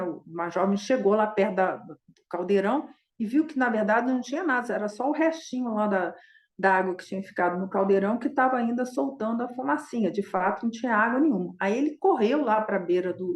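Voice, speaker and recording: A woman's voice: mid-range voice, fairly quick, reverberant. A woman dharma teacher retelling a Buddhist story in a conversational way, constantly adding short tag questions.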